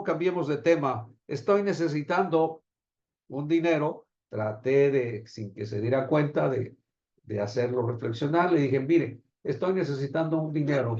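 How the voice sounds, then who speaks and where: A man's voice: medium pitch, gravelly, highs cut off. A middle-aged male pastor with a Mexican Spanish accent, teaching a baptism class and acting out conversations in different voices. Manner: animated, acts out dialogue with shifting voices.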